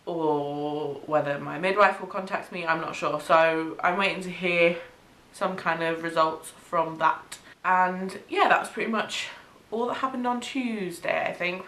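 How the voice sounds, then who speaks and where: A young British woman vlogs from a small bedroom or home studio, giving a casual pregnancy update in a voice on the low side. She's sniffly with a cold and peppers her talk with ums and soft laughs. The camera mic frames her head and shoulders, and the room sounds echoey.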